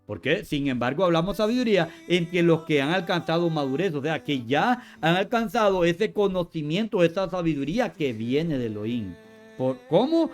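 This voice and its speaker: A man with a fairly high voice teaches from scripture, moving slowly through the meanings of words. He lists each sense one after another, repeats himself and stops to correct his slips. Soft music plays faintly behind him. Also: sing-song. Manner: spells out word meanings in lists. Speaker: Bible teacher.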